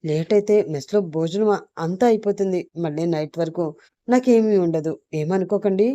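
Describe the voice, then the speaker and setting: A woman's voice: fairly low pitch, moderate pace, dark tone, dry recording, highs cut off, close to an everyday voice. A woman voicing a polite, cheerful young working woman in a lightly raised voice.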